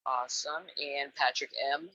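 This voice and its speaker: With a rumbling low voice that's steady, bright and forceful, a woman runs a call-in dating show in a casual chat. As host she stays upbeat, encouraging every guest with a quick "awesome." There's no echo, and the highs are cut off.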